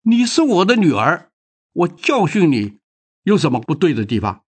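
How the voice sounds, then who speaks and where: A man's voice: a little high, very animated, normal speed, slightly rough. A man voicing a stern middle-aged father who firmly lectures his daughter in a storybook reading. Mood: angry. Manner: lecturing, firm.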